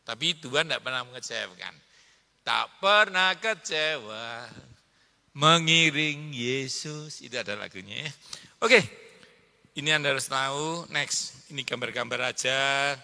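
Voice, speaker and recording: Bright East Javanese preacher, reverberant hall. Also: male voice, medium pitch, normal speed, gravelly. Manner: joking, teasing the congregation, calls for amen. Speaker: pastor. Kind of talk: sermon.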